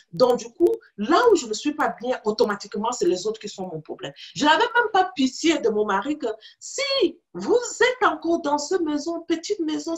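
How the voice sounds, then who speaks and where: A woman from Africa telling her own story as a preacher, acting out the dialogue of the people in it. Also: on the high side. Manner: animated storytelling, acts out dialogue with others in the story. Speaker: preacher and teacher. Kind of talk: testimony in a teaching video.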